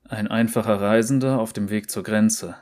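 A man reading a calm, gentle traveler. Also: on the low side, moderate pace, natural voice. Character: calm young male traveler, slender and concerned.

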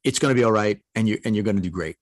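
A man's voice: fairly low pitch, racing, no room sound, clean studio sound. A middle-aged man sharing a heartfelt personal story as a podcast guest, earnest and emotional, laughing often.

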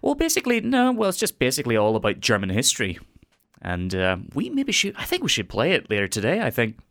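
A man's voice: mid-range voice, wildly swooping pitch, fast, a bit bright. A man co-hosting a radio show, teasing and upbeat in casual chat. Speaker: radio co-host.

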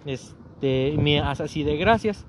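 A man's voice: on the high side, fairly quick, a little hiss or hum. A man with a Mexican Spanish accent, chatting casually as a podcast co-host and acting out the people in his stories. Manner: animated storyteller, acts out quoted people. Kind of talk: casual chat.

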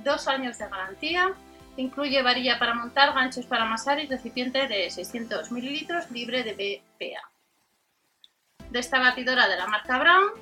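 Bright, high-voiced Spanish woman presenting products. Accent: Spain. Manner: reads out specs and prices item by item. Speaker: host of a shopping video channel. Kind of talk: product rundown voice-over, informal commentary.

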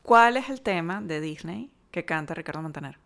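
A woman from Caracas, co-hosting a podcast, with a voice that sits somewhat low for a woman. She talks playfully and conversationally and is quick to laugh. The delivery stays relaxed and chatty. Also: creaky. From Venezuela (Caracas). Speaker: podcast co-host. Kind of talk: casual chat.

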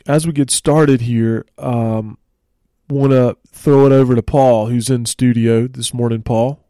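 A man hosting a church podcast, speaking in a relaxed, conversational way with frequent fillers, recorded in a studio. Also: medium pitch, measured pace, dry recording. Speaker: church ministry host. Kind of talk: casual church podcast teaching.

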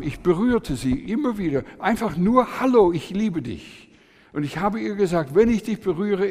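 An older male preacher tells family stories in an animated, hesitant way, his voice rising and dropping, with many fillers and restarts. His voice sits in a mid register. A long hall reverb trails after each phrase. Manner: animated storytelling with lively swings in pitch and loudness. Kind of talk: sermon.

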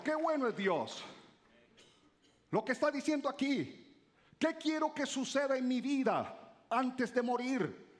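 Male pastor preaching, high voice, pitch all over the place, calls out to the church. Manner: preaching with sweeping rises and drops in pitch; calls out to the congregation. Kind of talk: sermon.

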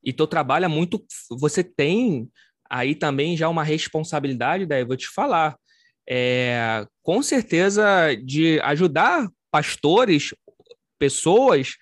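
An expansive man with a Carioca accent and a fairly high voice hosts a podcast chat. His talk is lively and demonstrative, and the recording is dry and close with no room sound. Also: slow pace, no echo. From Rio de Janeiro, Brazil. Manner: expansive, talks with his hands. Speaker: podcast host. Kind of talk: casual podcast conversation.

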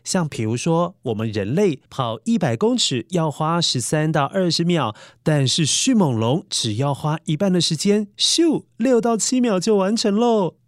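A man's voice: on the high side, animated, normal speed, few pauses, dry recording, studio quality. A man hosting a children's story show, narrating playfully and often putting questions to the young listener.

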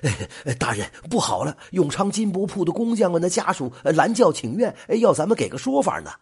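A man's voice: on the high side, wildly swooping pitch, normal speed, a little mellow, husky, exaggerated voice. A man voicing an eager, deferential male clerk who keeps sighing "ai" between phrases. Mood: flustered. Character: fawning nervous male clerk, eager to please.

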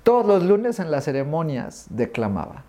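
A man's voice: on the high side, moderate pace. A middle-aged man with a Mexican accent, a guest in an interview, telling childhood stories and acting out remembered dialogue. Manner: animated, acts out remembered dialogue. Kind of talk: storytelling in an interview.

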